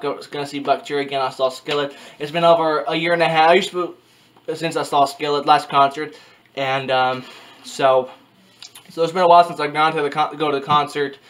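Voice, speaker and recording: A man's voice: fairly high pitch, a bit bright. A man in his early twenties rambling casually to his webcam in a small bedroom, with frequent restarts and repeated filler phrases. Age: early 20s. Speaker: vlogger. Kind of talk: casual talking-head vlog.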